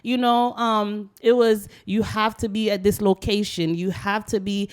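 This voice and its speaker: A woman from Haiti, talking casually on a podcast and pausing often with ums. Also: mid-range voice, steady tone. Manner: hesitant, many ums.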